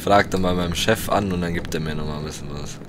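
Low-voiced young man over engine rumble. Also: fast talker. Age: young adult. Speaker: gaming video host. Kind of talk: casual let's play chat. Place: indoor room at gaming setup. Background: truck game engine rumble.

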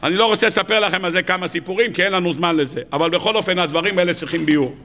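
A man, a rabbi, giving a lively sermon to a live audience, firing off rhetorical questions with mock disbelief and humorous asides. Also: high voice. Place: lecture hall with live audience.

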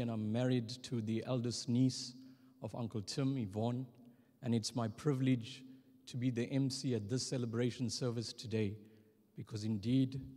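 A middle-aged man reading a formal eulogy as master of ceremonies, measured and solemn, pausing between short phrases. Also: mid-range voice, warm tone. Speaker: master of ceremonies at a memorial service. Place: church stage at a lectern, indoors. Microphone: microphone on a stand at the lectern. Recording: long hall reverb.

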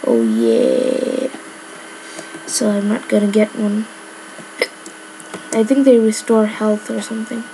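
A woman's voice: medium pitch, very animated, slow pace, pauses often, dark tone, a little hiss or hum, low-quality recording. A woman giving casual gameplay commentary, rambling with lots of filler words. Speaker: gamer.

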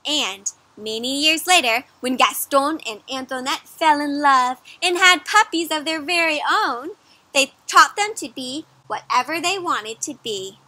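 There's no echo as a high-pitched young woman reads aloud from a picture book to children in an outdoor garden or yard. Her style is animated and teacherly, full of questions, and she talks to the kids as friends.

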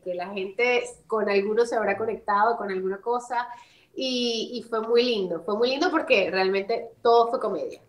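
A woman with a slightly raised voice chats as an interview guest. She tells her stories in an animated way and jumps into the voices of the people she quotes. The sound carries a roomy echo. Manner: animated storyteller, acts out quotes with big pitch jumps. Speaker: actress and voice-over artist, guest. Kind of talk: casual interview chat. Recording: roomy echoey room.

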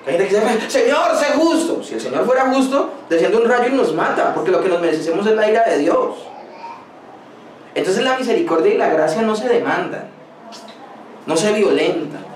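A man preaching a sermon in a high, ringing voice, pressing his points with rhetorical questions and stories from his own ministry. He sounds set back from the mic in an echoey church hall. A faint hiss of noise sits under his voice. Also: expressive, normal speed, recorded from a distance. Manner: emphatic preaching with rhetorical questions and personal anecdotes. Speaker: pastor.

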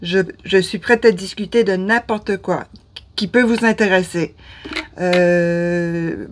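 With a lowish voice, fairly even intonation, and a slow pace, a Canadian French-accented vlogger from Ottawa in her fifties talks casually to camera indoors in a small room. A little hiss or hum is audible, and she hesitates a lot, losing her words and restarting.

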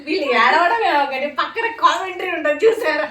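A woman with a bright, fairly high voice spins funny family stories and acts out the people in them. The recording is echoey, with faint background noise, and sounds a bit far from the mic. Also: a little fast. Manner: animated storytelling with mimicry. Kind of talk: casual comic chat. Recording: echoey room from a distance.

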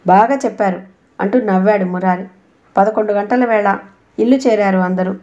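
A woman narrates a novel in a steady, even storytelling manner. Her tone is warm and mellow at a middle pitch. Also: moderate pace, highs cut off. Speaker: audiobook narrator.

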